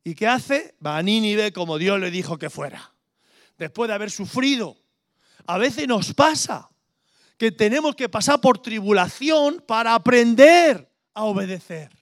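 A middle-aged preacher, his voice sitting high for a man. He preaches in a chatty, anecdotal way and slips into little acted dialogues. The recording is close and dry, with no room sound. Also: animated, a little slow, no echo. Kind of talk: sermon.

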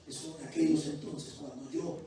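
A man who is a pastor, preaching a sermon that moves from quiet testimony to loud, fervent preaching. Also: fairly high pitch, fairly even intonation, moderate pace, slight background noise. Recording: distant, very echoey church hall.

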